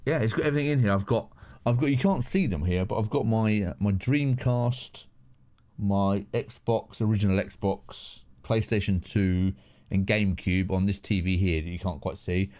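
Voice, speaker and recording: Streaming casually from his home studio, a middle-aged southern English man rambles and laughs, frequently restarting his sentences. His voice is fairly low and a little mellow, at a normal speed.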